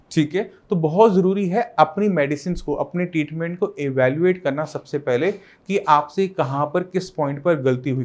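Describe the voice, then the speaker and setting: A doctor who hosts a health channel earnestly explains treatment to camera and interviews a patient, using rhetorical questions. His voice is fairly high, and the sound suggests a big room.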